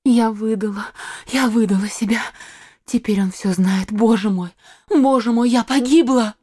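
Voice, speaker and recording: Lady reading as a sly captive noblewoman, husky low voice, warm and dark, dry close mic. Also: normal speed, no echo. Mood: despairing. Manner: pleading, theatrical, breathless entreaty. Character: desperate scheming captive noblewoman, cunning. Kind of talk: audiobook character reading.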